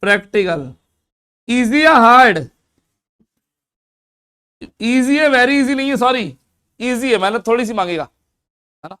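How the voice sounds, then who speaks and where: A man teaching accounts in a fast classroom lecture, asking and answering his own questions. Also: very high voice, animated, bright, forceful tone, smooth.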